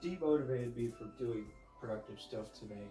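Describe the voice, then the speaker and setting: A man's voice: mid-range voice, normal speed, warm tone, soft background music. A man with a congested, stuffed-up nose from a cold, chatting casually and thinking aloud as he rambles through a vlog. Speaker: vlogger with a YouTube channel. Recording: echoey room.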